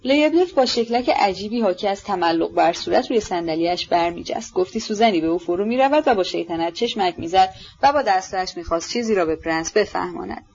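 A woman reading a classic novel aloud as an audiobook narrator, in a measured storytelling manner. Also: on the low side, creaky, darkish tone, highs cut off, a little hiss or hum. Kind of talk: scripted literary narration.

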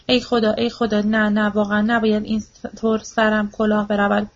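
A woman's voice: mid-range voice, completely flat delivery, lightly acted. Woman reading as a frantic old widow, pleading and repetitive. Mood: bitter. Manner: frantic, repeats herself, pleading. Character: grieving, desperate old widow, shrill and pleading. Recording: dull lo-fi audiobook recording.

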